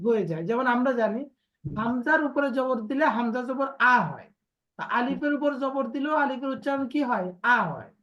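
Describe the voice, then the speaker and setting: A woman's voice: high voice, expressive, brisk, a bit bright, highs cut off. A woman teacher leading an online lesson on letters and pronunciation, explaining patiently and drilling her students by repetition. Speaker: Quran recitation teacher.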